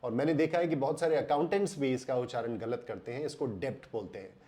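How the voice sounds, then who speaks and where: An Indian man explaining English pronunciation in a voice-over lesson, slowing down and drawing out words to stress them. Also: medium pitch, dark tone.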